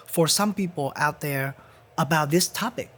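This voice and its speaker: Speaking at a moderate pace with a slightly high, fairly bright voice, this Vietnamese-accented man is a guest musician on a podcast. English is his second language, and he was born in Vietnam. In the casual studio conversation he is earnest and emphatic, repeating phrases for emphasis.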